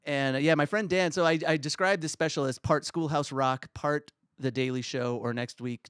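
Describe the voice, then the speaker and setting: A middle-aged man with a raspy voice who hosts his own livestream, chatting casually and rambling in a self-deprecating way. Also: fairly high pitch, steady tone, normal speed, fairly bright tone, dry recording, clean studio sound.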